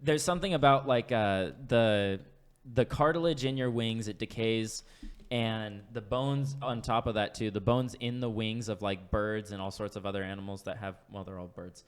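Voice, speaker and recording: A man's voice: lowish voice, moderate pace, smooth. A man co-hosting a podcast, rambling through a casual explanation with many fillers. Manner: rambling, fillers and restarts, laughs easily. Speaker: podcast co-host. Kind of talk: casual chat. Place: podcast studio.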